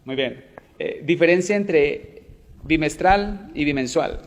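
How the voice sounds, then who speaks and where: A man's voice: fairly high pitch, animated, takes it slowly. A man hosting a TV segment, posing questions and recapping the answers for viewers. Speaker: host. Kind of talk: TV interview questioning. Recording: long echoing reverb.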